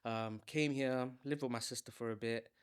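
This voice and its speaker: A man's voice: medium pitch, steady tone, normal speed, clear, resonant tone. A man in his thirties from Malawi, talking through his career as a salesman in an easygoing, conversational interview. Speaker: guest, salesman. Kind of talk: casual interview storytelling.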